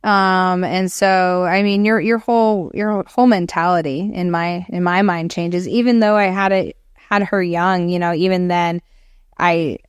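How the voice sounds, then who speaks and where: A woman in her thirties talking in a relaxed podcast conversation, reflective and laughing easily, with plenty of fillers. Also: fairly low pitch, a little slow, clear, resonant tone, no echo, studio quality. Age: 30s. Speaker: podcast guest.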